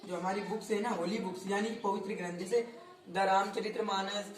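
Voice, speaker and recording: A high-voiced young man explains grammar to his students, repeating words and quizzing them as he goes. He stands back from the mic, so his voice carries a roomy echo with faint background noise. He often stops to correct his own slips. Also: steady tone, fast, distant mic, a crowd in the background. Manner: frequent self-corrections. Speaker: teacher. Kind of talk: grammar lesson explained in Hindi.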